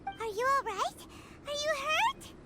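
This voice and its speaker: A woman's voice: extremely high pitch, very animated, unhurried, noisy background, exaggerated voice. A woman voicing a tiny, chirpy female fairy companion in a video game, who talks about herself in the third person. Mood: worried. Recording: game cutscene with loud music score. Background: orchestral game music.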